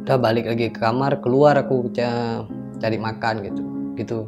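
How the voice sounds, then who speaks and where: A man's voice: medium pitch, moderate pace, loud music behind the voice. A young man from Aceh, casually telling of his own experience as a guest and acting out the dialogue as he goes. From Aceh, Indonesia. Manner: lively retelling that acts out quoted dialogue. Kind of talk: casual spoken storytelling.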